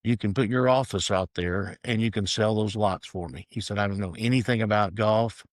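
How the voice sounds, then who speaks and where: A middle-aged man, a real estate agent, telling stories in a relaxed interview with dry humor. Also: fairly low pitch, a little fast, no echo. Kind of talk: casual interview storytelling.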